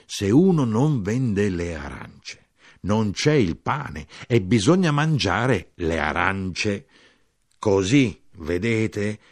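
A man's voice: fairly low pitch, very animated, slow, dry recording, clean studio sound, heavily acted. A man voicing a poor, desperate little Sicilian man who pleads and keeps repeating himself, in an audiobook reading. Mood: pleading. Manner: pleading, insistent repetition.

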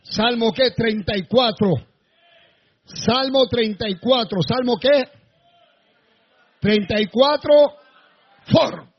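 A man preaching a sermon in a very high, husky voice. He moves between soft, low-key storytelling and sudden shouted bursts to his congregation. The recording is dull and lo-fi. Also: takes it slowly. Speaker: pastor. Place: church before a congregation.

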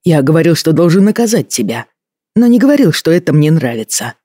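A man reading a stern young husband, even-toned. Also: on the high side, a little fast, no echo, studio quality. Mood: mocking.

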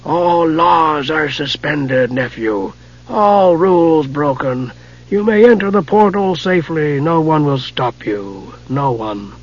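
A man voicing a menacing old male archmage with a dry, rasping voice, soft and slow. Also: a little high, animated, dull audio, full character voice. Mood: cold.

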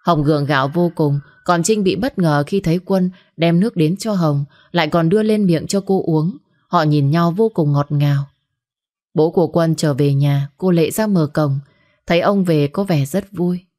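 A woman's voice: sits low, moderate pace, darkish tone. A woman narrating an audio story and voicing every character herself.

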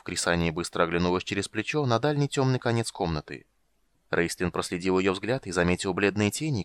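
Guy reading an audiobook, really low voice, dry close sound. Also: no room sound. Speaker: audiobook narrator. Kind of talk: scripted narration.

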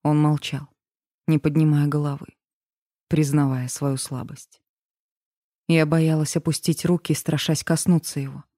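A woman's voice: sits low, level tone, unhurried, pauses often, warm tone, no echo, clean studio sound. A woman narrating a first-person romance audiobook with an emotional, dramatic reading.

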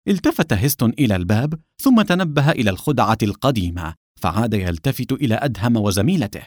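A man narrating a thriller audiobook in a dramatic, expressive style. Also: mid-range voice, fast, no room sound, studio quality.

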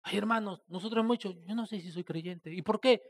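High-voiced preacher, emphatic and earnest. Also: male voice, fairly quick. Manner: emphatic preaching with rhetorical questions, addressing the congregation as brothers; swings between loud stressed phrases and soft trailing endings. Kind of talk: church sermon.

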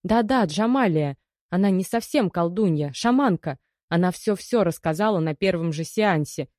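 A woman's voice: fairly low pitch, expressive, normal speed, a little mellow, no echo, natural voice. Lady reading a chatty gullible young woman, eager, dry close sound. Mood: eager chatter.

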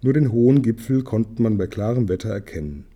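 A man reading an audiobook aloud in steady storytelling narration, with small slips now and then. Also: fairly low pitch, brisk. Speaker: audiobook reader.

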